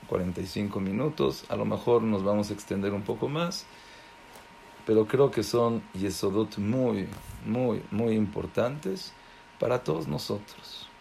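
A man leads a Torah class in an unhurried, deliberate way. His gravelly voice keeps swinging from quiet asides to loud, emphatic exclamations, and he scatters Hebrew religious terms throughout. A faint hiss sits under the recording. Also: on the low side. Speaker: Torah teacher.

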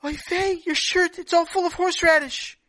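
A woman's voice: very high voice, fairly even intonation, normal speed, a bit bright, voice pushed up. A man voicing a flustered mother who fusses over her son's stained shirt. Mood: dismayed. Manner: exclaiming, fussing.

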